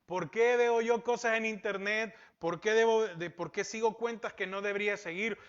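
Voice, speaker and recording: A man's voice: high voice, fairly even intonation, moderate pace, a bit bright, smooth. A male pastor teaching a Bible sermon, asking rhetorical questions and repeating key phrases. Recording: dull lo-fi sound.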